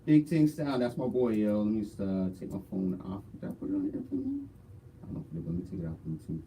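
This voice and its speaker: A man's voice: lowish voice, big pitch swings, fast talker, vocal fry, warm tone. A man co-hosting a podcast in laid-back, slangy casual chat. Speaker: podcast co-host. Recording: faint room noise.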